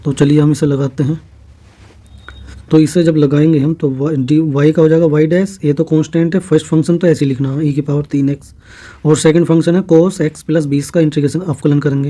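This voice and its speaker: Male maths tutor, very warm and mellow tone, pitched a bit high; methodical, step-by-step delivery. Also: a little fast. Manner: steady step-by-step explaining with frequent "theek hai" checks. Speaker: maths teacher. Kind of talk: exam-prep maths lesson.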